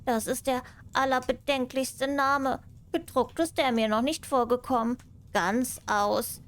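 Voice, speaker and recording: Lady doing a tiny earnest fairytale mouse, really high voice, trusting and curious. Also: steady tone, measured pace, fairly bright tone. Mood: puzzled. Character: small, trusting female mouse, earnest and inquisitive.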